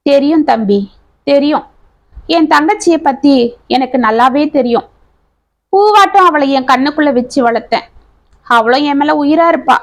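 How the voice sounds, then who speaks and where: An honest, proud old village uncle, as a woman reads him speaks with earnest, measured weight. The voice sits high and light in this storybook reading. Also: expressive.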